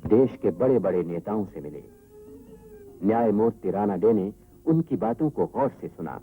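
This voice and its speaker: A man giving a measured, formal documentary narration, heard from an old worn tape recording. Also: fairly low pitch, expressive, narrow, tinny audio, faint music behind.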